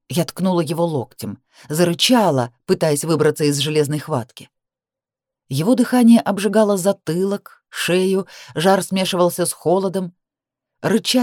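A woman narrating a romance novel in the first person, in a steady, measured reading. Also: fairly low pitch, dry recording, clean studio sound. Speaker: audiobook reader.

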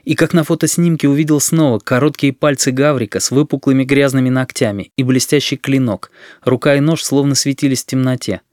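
A man narrating a story in an even, steady storytelling manner. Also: medium pitch, brisk, no echo, clean studio sound. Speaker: audiobook narrator. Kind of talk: scripted narration.

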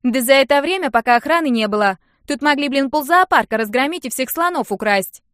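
A woman reading an audiobook voices a brash, sharp-tongued young woman friend who talks loudly and mockingly. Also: high-pitched, expressive, normal speed, no echo, clean studio sound, voice pushed up. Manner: loud, indignant, mocking.

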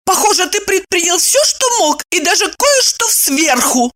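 A woman doing a shrill, hot-tempered younger sister. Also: very animated, normal speed, heavily acted. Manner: shrill, snapping and shouting. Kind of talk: audiobook character voice.

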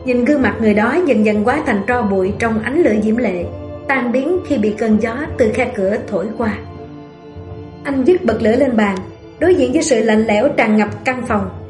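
A woman narrating a romance novel in a calm, even, melancholic reading voice. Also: a little high. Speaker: audiobook narrator. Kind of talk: scripted narration. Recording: echoey room with soft music.

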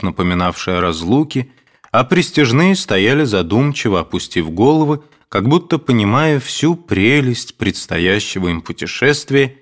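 Expressive male audiobook narrator. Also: on the low side. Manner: expressive, measured storytelling. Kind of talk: audiobook reading of classic prose.

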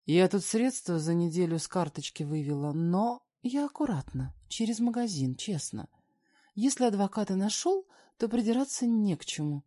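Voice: medium pitch, expressive, dark tone, pitched above the performer's own voice, natural voice. A reader voicing a defiant, sarcastic young heroine in an audiobook. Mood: indignant. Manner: sarcastic, quick to argue. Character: young woman heroine, sharp-tongued and defiant.

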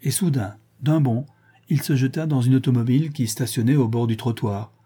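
A man reading a classic novel aloud in measured storytelling narration. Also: mid-range voice, warm tone, breathy edge. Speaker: audiobook narrator. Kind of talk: scripted narration.

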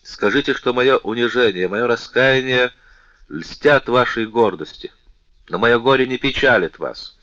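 A man reading the part of a passionate, imperious young king who bursts into loud, vengeful speeches. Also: lowish voice, normal speed, dry recording, muffled recording. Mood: raging, pleading. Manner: impassioned, loud outbursts. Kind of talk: audiobook character reading.

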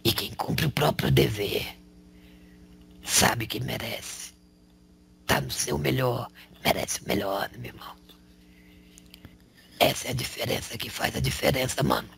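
A man channeling a male spirit who preaches in a slangy, raspy whisper, tagging lines with rhetorical questions. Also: mid-range voice, unhurried, long pauses, a bit bright. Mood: preaching. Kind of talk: spiritual counsel.

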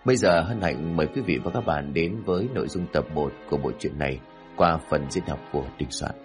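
A man narrating a folk story for an audiobook, measured and expressive. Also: very deep voice, soft background music.

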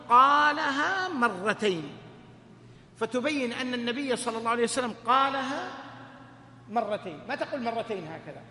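A man's voice: high voice, pushed and bright. A man teaching a lesson in a mosque study circle, correcting his reader and joking with the students. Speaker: sheikh teaching hadith. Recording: echoey hall, faint hum.

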